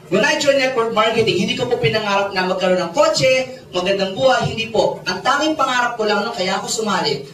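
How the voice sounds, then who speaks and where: A man's voice: extremely high pitch, fairly bright tone. Man, playful seminar storyteller, echoey room, distant mic. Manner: playful, teasing the audience, mixes Tagalog and English. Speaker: network marketing seminar speaker. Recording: echoey room, mic far off, audience chatter.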